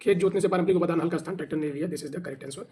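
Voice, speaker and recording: A man's voice: fairly high pitch, very fast, a little mellow, a little hiss or hum. A man teaching an exam practice class, asking questions and answering them himself, sometimes spelling words out letter by letter. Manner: explains by asking and answering his own questions. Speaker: Hindi teacher.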